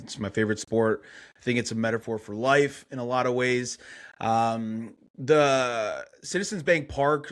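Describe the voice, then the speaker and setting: Young man from Chicago, podcast guest, easygoing, rambling with fillers. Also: mid-range voice. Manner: laid-back, rambling with many fillers. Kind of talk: casual podcast interview.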